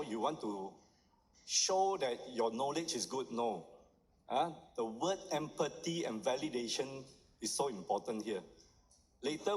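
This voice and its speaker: A middle-aged doctor, giving a conference lecture and often checking in with the audience with "huh?" and "right?". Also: male voice, mid-range voice. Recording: long hall reverb.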